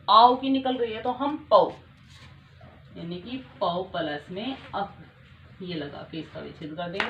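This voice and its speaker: Slow, patient woman teacher, echoey room. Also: medium pitch. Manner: patient, repeats each point, checks understanding often. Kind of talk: classroom grammar lesson. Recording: echoey room, dull lo-fi sound, faint noise.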